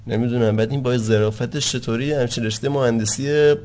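A man's voice: medium pitch, fairly even intonation, a little mellow. A young man co-hosting a casual comic chat, teasing and joking playfully. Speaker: co-host.

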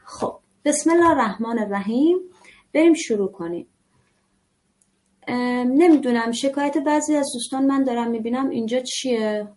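Woman with a fairly high voice, teaching parents. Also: a little mellow. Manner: conversational, asks listeners rhetorical questions. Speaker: parenting instructor. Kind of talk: live online parenting class.

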